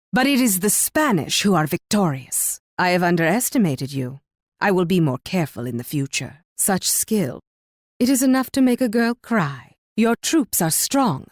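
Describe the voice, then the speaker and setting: A woman's voice: medium pitch, no room sound, studio quality. An actress playing an imperious, cruel Spanish warrior queen in a video game, commanding, condescending and taunting. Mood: condescending, critical, then bitter, grudging. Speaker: video game character voice actor. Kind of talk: theatrical video game voice lines.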